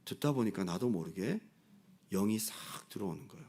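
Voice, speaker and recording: A male pastor leading a Bible study, talking in an animated way and acting out the voices of crowds and people in the story. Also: on the low side, a little fast, slightly rough. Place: church.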